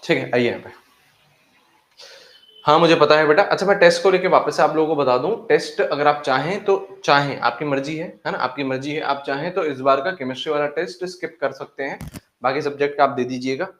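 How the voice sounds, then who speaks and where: A man's voice: on the high side, fairly quick, a bit bright. A man teaching a chemistry class online, calling the students "beta" and repeating each phrase to drive it home. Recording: echoey room.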